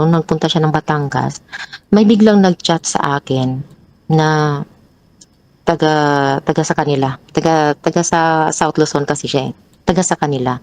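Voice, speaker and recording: Woman, young adult, low voice, dry sound, emotional personal storytelling, animated, many restarts. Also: no room sound. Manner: animated, pitch jumps high when retelling arguments; frequent restarts and repeated words. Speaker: guest sharing a personal story.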